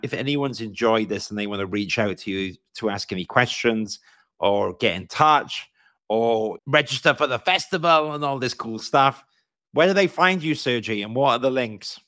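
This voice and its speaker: A man's voice: medium pitch, lively intonation, sharp tone, dry recording. A man with a Welsh accent hosting a live-stream interview, upbeat and chatty as he wraps up and thanks his guest. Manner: upbeat, spells out web addresses slowly. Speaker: host.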